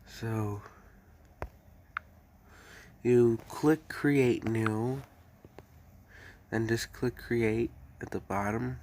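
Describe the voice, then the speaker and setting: A man with a medium-pitched voice and fairly even intonation hosts a casual screen-recording tutorial, speaking very slowly with long pauses. He sounds hesitant, often restarting and repeating phrases. Loud background noise and clicking fill the recording.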